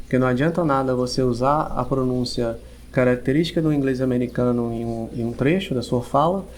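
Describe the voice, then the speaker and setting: A man with a Brazilian Portuguese accent, an English teacher giving long, measured explanations as a podcast guest, often restarting his sentences. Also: mid-range voice, a little mellow, slight background noise. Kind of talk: podcast interview.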